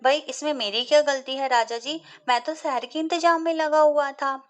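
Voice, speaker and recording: A woman plays a city police chief in a told folk play, protesting that he did nothing wrong. Her voice rises higher for the role. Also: steady tone, moderate pace, lightly acted. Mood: defensive.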